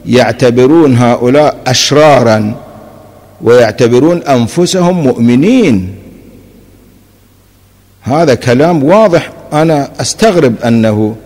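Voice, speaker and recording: A religious scholar, a man, lectures on scripture, explaining each point in turn and shifting between classical and colloquial speech. He presses his key points with rising emphasis, at a middling pitch. The recording carries a long reverb from a large hall. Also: a little mellow. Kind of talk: Quranic commentary lecture.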